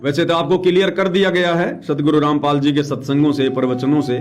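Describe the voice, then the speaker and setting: A man's voice: on the high side, fairly even intonation, fairly quick, soft background music. A man giving live religious commentary, urgent and emphatic, repeating phrases for stress. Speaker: devotional live streamer.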